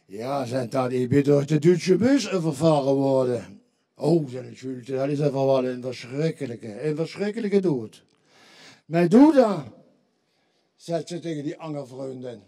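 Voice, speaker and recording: Speaking at normal speed in a mellow, medium-pitched voice, this Limburgish-accented man works as a carnival stand-up comic. He tells punchline jokes in his routine and acts out the voices of the characters within them.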